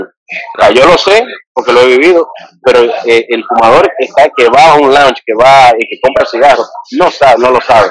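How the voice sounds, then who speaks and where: A man's voice: mid-range voice, low-quality recording. Dominican guy, cigar podcast guest, earnest, lots of ehs and restarts. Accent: Dominican Spanish. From Dominican Republic. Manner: earnest, many fillers and restarts. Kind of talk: podcast conversation.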